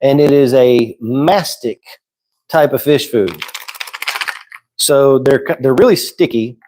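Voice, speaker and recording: A man with a mid-range voice talks slowly over a noisy background while hosting a relaxed livestream. His voice is fading, yet he chats comfortably and takes questions from his audience.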